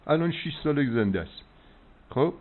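A man's voice: fairly high pitch, lively intonation. A man giving health advice as a doctor on a phone call, preachy and insistent, checking that he is understood. He is heard over a landline phone line. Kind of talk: phone consultation. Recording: tinny phone line with faint hiss.

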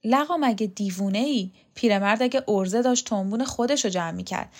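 A woman's voice: mid-range voice, natural voice. A woman voicing a scornful old lady. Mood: scolding. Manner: scornful, biting retorts. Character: sharp-tongued elderly woman, bitter and proud.

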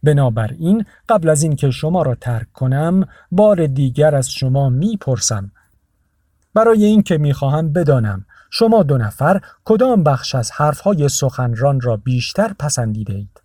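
A man's voice: a little high, sing-song, mellow, no room sound, studio quality. A man voicing a laid-back, boastful homeless man who claims to be a surfer and tycoon. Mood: gruff.

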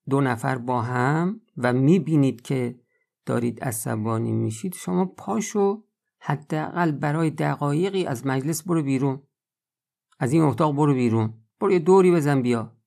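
Man, Iranian Persian accent, gravelly mid-pitched voice, for a podcast moral lesson, teaching casually with rhetorical questions. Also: a little mellow. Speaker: religious podcast speaker.

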